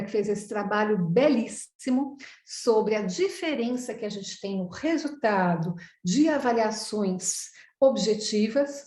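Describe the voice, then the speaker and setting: A woman's voice: medium pitch, a little mellow, echoey room. A middle-aged Brazilian woman giving an online lecture to professionals, explaining things step by step and answering her own questions. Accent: Brazilian Portuguese. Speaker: psychoanalyst lecturer. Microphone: video call.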